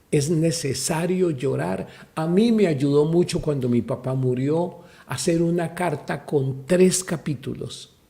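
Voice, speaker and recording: Gravelly man preaching emphatically. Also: on the high side, warm tone. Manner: emphatic, addresses listeners as brother. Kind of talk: preaching-style talk.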